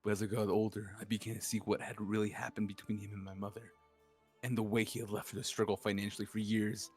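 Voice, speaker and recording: Man doing a young male writer's murder confession, low voice, plain delivery, faint music behind. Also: quick pace, husky. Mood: bitter. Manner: reads a dramatic confession in an even voice. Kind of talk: murder mystery party role-play.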